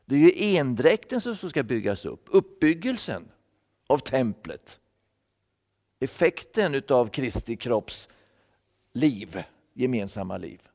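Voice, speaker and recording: A man's voice: medium pitch, very animated, pauses often, darkish tone, long reverb tail. A man giving a thoughtful Bible-teaching sermon, repeating words as he explains. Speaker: preacher.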